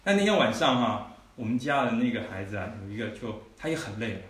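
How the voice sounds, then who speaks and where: His mid-range voice swings widely in pitch, and he talks at a quick pace. Preaching a testimony, he narrates like he's chatting and keeps addressing the audience with "you know" asides, all captured in an echoey hall by a far-off mic with slight noise.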